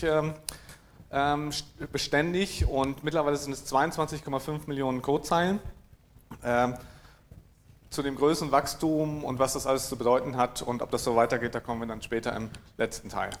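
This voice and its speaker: A man from giving a technical conference talk, dry in manner, hesitant with many fillers and frequent throat clearing. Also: mid-range voice, a little hiss or hum. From East Frisia, northern Germany. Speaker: conference speaker. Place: lecture room at a conference.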